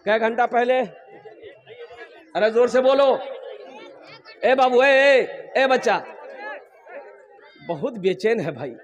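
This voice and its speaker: Male preacher, very high voice, joking with the crowd, far mic in a big hall. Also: expressive, takes it slowly, long pauses. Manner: preachy, teasing the audience. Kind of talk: humorous sermon.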